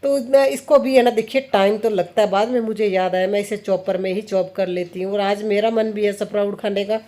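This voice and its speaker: A woman in her thirties from India, a home vlogger and mother, chats casually about her family and kitchen routine while she works, laughing often and quoting family conversations. Her mellow, medium-pitched voice runs a little fast with fairly even intonation.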